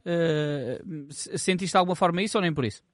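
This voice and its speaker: A man with a European Portuguese accent hosts a conversational interview. His voice is a little high for a man and recorded very dry. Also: a little fast, no echo. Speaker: host interviewer.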